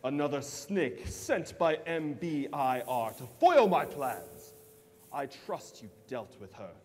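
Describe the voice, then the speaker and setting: A man's voice: a little high, sing-song, slow pace. A man acting a pompous, theatrical villain overlord in a comedic stage skit. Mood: outraged. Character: pompous male tyrant villain, corporate overlord of a fighting tournament. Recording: echoey hall, faint music.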